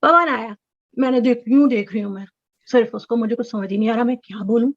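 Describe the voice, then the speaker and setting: Woman, middle-aged, high-pitched, animated storyteller, dry muffled video call audio. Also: quick pace, no echo. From Chicago resident. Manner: animated, breaks into high squeals when excited. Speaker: interview guest, fan.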